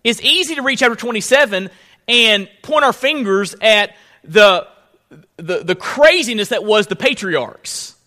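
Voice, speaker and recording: A male pastor delivers a sermon in a high, bright voice. He speaks forcefully and deliberately, repeating his main phrases for emphasis and turning to his listeners with rhetorical questions. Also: animated. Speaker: pastor preaching. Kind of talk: sermon to a congregation.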